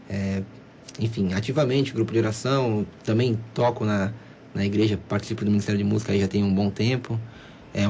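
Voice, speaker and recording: A man's voice: lowish voice, mellow, slight background noise. A Brazilian man in his twenties, a lawyer guest on a radio interview, who speaks hesitantly and repeats words. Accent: Brazilian Portuguese, São Paulo coast. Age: 20s. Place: radio studio.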